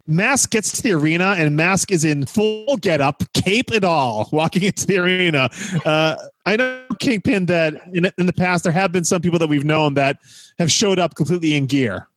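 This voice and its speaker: A man hosting a casual film review chat, recapping in an animated way and stressing key words. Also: on the high side, normal speed, soft background music. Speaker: podcast host.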